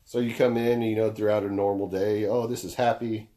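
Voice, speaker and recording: This young man co-hosts a podcast with a deep, mellow, low baritone, speaking a little fast and in a level tone. Relaxed and casual, he swears freely as he works through lengthy explanations.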